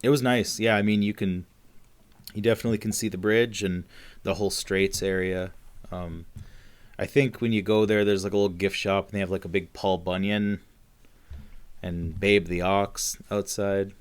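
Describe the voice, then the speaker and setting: Man, very low pitch, casual podcast chat, lots of ums and restarts. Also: steady tone, moderate pace, clear, resonant tone. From Upper Peninsula of Michigan. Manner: rambling, many fillers and restarts. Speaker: podcast co-host.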